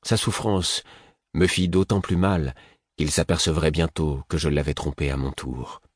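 A man reading a first-person fantasy audiobook in a measured, grave manner. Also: a bass voice, steady tone, breathy edge, no echo, studio quality. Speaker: audiobook narrator.

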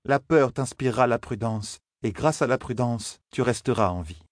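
A man voicing a calm, stern older woman mentor in an audiobook, speaking with measured counsel. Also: mid-range voice, no room sound, studio quality, voice pushed up, natural voice. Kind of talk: audiobook character voice.

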